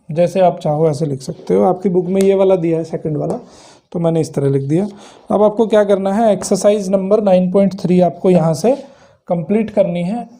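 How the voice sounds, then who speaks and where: Male math tutor, high-pitched yet very mellow, patient step-by-step lecturing. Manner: explains step by step, asks and answers own questions. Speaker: math teacher. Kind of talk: classroom lecture.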